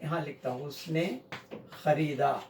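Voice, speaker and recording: A man teaching English grammar at a whiteboard, slowly repeating example sentences. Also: a little high, fairly even intonation, gravelly, a little hiss or hum. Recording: echoey room, mic far off.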